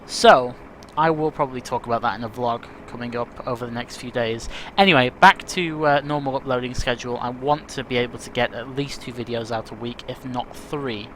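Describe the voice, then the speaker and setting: Brisk and fairly bright, this mid-range male voice belongs to a flight sim video host who rambles chattily and pokes fun at himself while addressing viewers. Rain and birds can be faintly heard outdoors behind his home room.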